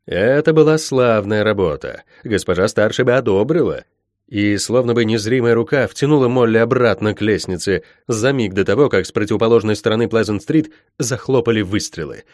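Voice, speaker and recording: A man reading an audiobook aloud in expressive, dramatic scripted narration. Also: lowish voice, a little fast, no echo, clean studio sound. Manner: dramatic, varied delivery. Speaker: audiobook reader.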